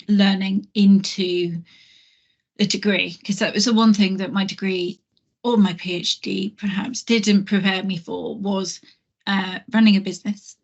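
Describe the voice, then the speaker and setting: A woman speaking on a podcast panel in a thoughtful, earnest way, often pausing and restarting her sentences. Her voice sits at a middle pitch with a fairly flat, even melody. The recording sounds somewhat dull and lo-fi. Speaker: panel guest, physics alumna. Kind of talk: panel discussion.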